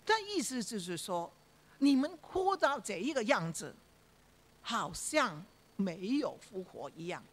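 A woman's voice: mid-range voice, sing-song, a little slow. A woman preaching a sermon, telling a story with rhetorical questions to her listeners and frequent fillers. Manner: frequent fillers and repeated phrases.

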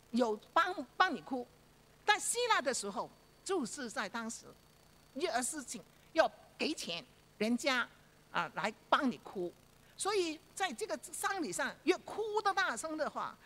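Lady preaching a sermon, voice on the high side, really animated, asks the crowd stuff. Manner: animated storytelling with rhetorical questions to the audience; frequent fillers and repeated phrases.

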